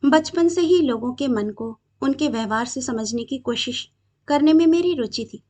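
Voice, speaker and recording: A woman narrating a short story aloud in a calm, measured reading voice. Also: sits high.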